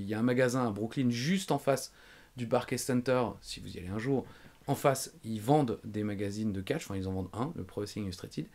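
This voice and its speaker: A man's voice: medium pitch, a little mellow. Man, podcast host, casual chat, rambling anecdotes, self-mocking.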